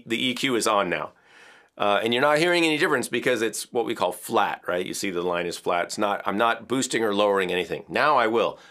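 A music educator with a bright-toned bass-baritone voice gives a hands-on audio tutorial from his indoor home music studio. He explains in a relaxed, chatty way, gesturing and laughing a little, wearing headphones with a studio mic off camera.

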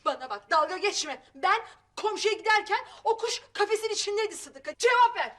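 Brief: middle-aged nagging mom, high bright scolding voice. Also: female voice, animated, moderate pace, full character voice.

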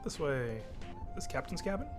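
A man's voice: a little high, big pitch swings, moderate pace, music in the background. A young man casually commenting on a game he plays, playfully reading dialogue in silly voices. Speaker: let's play gamer.

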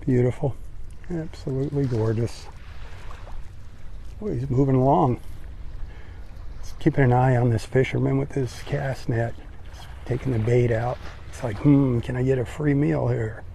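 An older man giving relaxed, admiring commentary on a live-streamed beach walk, recorded outdoors on a phone he carries. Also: medium pitch, moderate pace, creaky, long pauses, a little hiss or hum. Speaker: vlogger walking the beach. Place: outdoors on a sandy beach by the sea. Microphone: phone held while walking.

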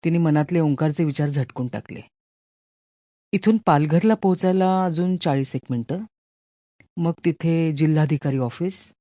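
A woman audiobook narrator reading a literary short story in a measured, storytelling manner, recorded close in a studio. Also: sits low, warm tone, no room sound. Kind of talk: scripted narration.

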